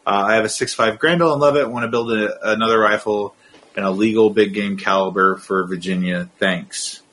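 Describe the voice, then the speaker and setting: A man co-hosting a podcast, reading out a listener's question in a plain, steady way. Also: on the low side, fairly quick, a little hiss or hum.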